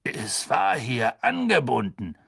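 A man's voice: mid-range voice, huge pitch swings, slow, creaky, fairly bright tone, husky, exaggerated voice. A man voicing a cold, furious male executioner who snarls his lines.

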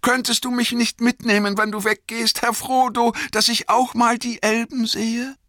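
Guy doing a squeaky nervous hobbit servant, pleading all breathless, bright dry storybook reading. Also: level tone, normal speed, no echo. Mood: eager. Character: flustered young male hobbit gardener, timid and fawning.

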